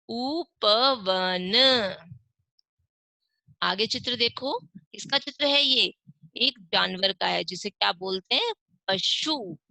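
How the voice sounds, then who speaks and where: A woman's voice: medium pitch, gravelly, sharp tone, no room sound. A woman teaching an online class to young children, sounding out words syllable by syllable and asking the class questions. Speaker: primary school teacher.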